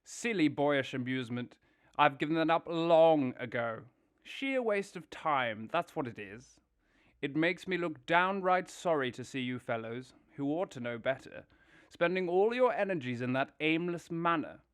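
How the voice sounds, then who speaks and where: Man playing a boastful rich toad, bombastic, exclaiming, higher voice. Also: animated, measured pace, clear, resonant tone.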